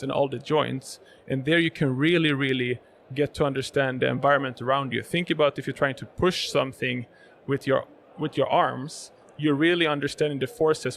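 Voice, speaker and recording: In a live event podcast booth, a Swedish robotics sales manager gives conversational interview answers about robotics, with Swedish as his first language. His medium-pitched voice has vocal fry and lots of fillers and repeated words, against slight background noise.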